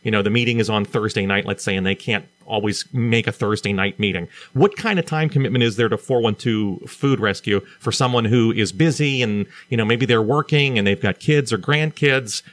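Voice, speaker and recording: A man's voice: on the low side, no room sound. A man hosting a community radio interview show, often restarting and repeating words as he asks his questions. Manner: halting, repeats words when starting a question. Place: radio studio.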